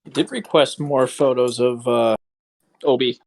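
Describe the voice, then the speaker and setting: A man with a mid-range voice banters on a live stream. He makes quick, teasing jokes at the others. His tone stays casual. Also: medium pitch, a little mellow. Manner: teasing, fast joking asides. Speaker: stream co-host.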